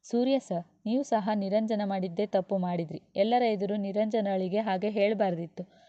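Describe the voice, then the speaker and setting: A woman's voice: medium pitch, normal speed, warm tone, no room sound, lo-fi sound, lightly acted. A woman voicing a defiant young woman lecturer who talks sharply and scornfully. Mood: firm.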